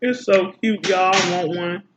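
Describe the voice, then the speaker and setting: A man with a somewhat high voice chats casually at the table, pressing with playful, teasing questions. The recording is dull and lo-fi with a faint hiss behind him. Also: steady tone, measured pace. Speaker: vlog co-host. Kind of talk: casual chat while eating.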